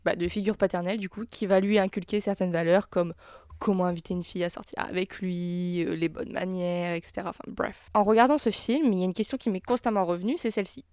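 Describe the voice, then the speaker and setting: A woman's voice: mid-range voice, a little mellow, dry recording, studio quality. A woman hosting a casual film review podcast, chatty, mixing English phrases into her talk. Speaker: podcast host.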